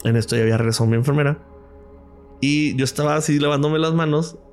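A man's voice: a little high, fast, faint music behind. A man with a Mexican Spanish accent, a radiologist guest on a podcast, tells a story and acts out the quoted dialogue.

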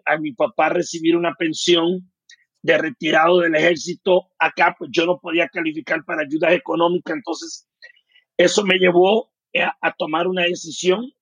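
A Puerto Rican man in his fifties with a notably high, husky voice, telling his story as an interview guest in an animated, detailed way. His Puerto Rican Spanish accent comes through on a dry, somewhat muffled recording. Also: no room sound. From Puerto Rico.

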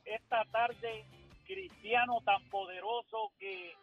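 Slow devout man calling in by phone. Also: sits high, soft background music. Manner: calm, devout. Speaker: caller. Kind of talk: call-in chat. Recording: dull phone line.

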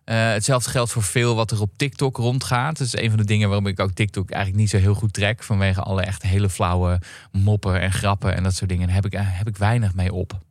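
A man co-hosting a podcast, speaking thoughtfully with many pauses and fillers. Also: fairly low pitch, little pitch movement, dry recording. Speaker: podcast co-host. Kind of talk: casual chat.

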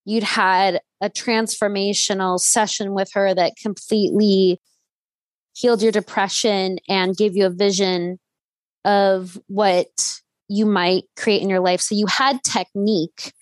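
A woman's voice: mid-range voice, flat delivery, unhurried, dry recording. Socal accent woman chatting casually, slangy, lots of "like", dry close sound. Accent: Southern California. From Los Angeles Valley, California. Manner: informal, slangy, frequent "like". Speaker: interviewer. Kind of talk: casual chat.

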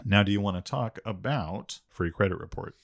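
Deep, deadpan man joking on a podcast. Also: moderate pace, gravelly. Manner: deadpan jokey asides. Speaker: podcast co-host. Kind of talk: casual comedic chat.

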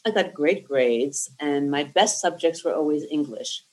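Speaking low and a little slowly, a New Jersey woman in her sixties who grew up with Lithuanian as her first language tells her life story. It's an oral history interview, and she is articulate and reflective throughout.

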